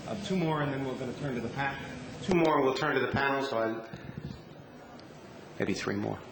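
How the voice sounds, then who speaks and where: Man, panel moderator, brisk directing, echoey hall, clear background noise. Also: mid-range voice.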